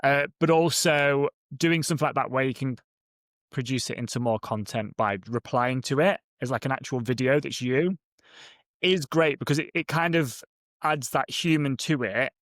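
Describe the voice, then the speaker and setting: A man speaks at a medium pitch in a casual conversation. He is informal and agreeable, forming his points as he talks. The recording is dry and free of room sound. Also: normal speed, a bit bright, no room sound. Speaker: podcast guest and content creator.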